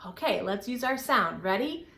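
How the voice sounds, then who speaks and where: With a fairly high, creaky voice at normal speed, a woman hosts a children's storytime, teaching and asking questions in simple, encouraging, exaggerated phrases. Her delivery is animated, with some sing-song, and the room sounds roomy and echoing.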